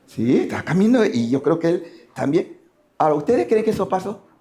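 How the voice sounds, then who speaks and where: A priest from Panama preaches a loud, theatrical Sunday sermon in church. His fairly high voice leaps all over the place as he shouts and acts out each scene. The delivery is passionate and full of sudden bursts. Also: fairly quick, husky. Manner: shouting, animated, dramatic acting out of scripture. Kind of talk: lively sermon.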